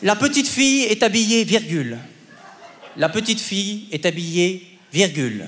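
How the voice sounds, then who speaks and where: A man's voice: on the high side, very animated, pitched below the performer's own voice. A man playing a stern, exasperated mother. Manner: slow, stern, over-articulated dictation. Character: strict exasperated mother dictating to her son. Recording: stage mic in a reverberant hall with audience.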